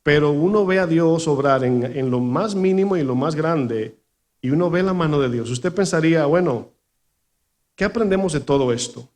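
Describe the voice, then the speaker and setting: A man's voice: on the high side, expressive, normal speed, darkish tone. A male pastor giving a sermon to his congregation. He tells a personal story, acts out the people he quotes and keeps asking his listeners questions. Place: church in New York.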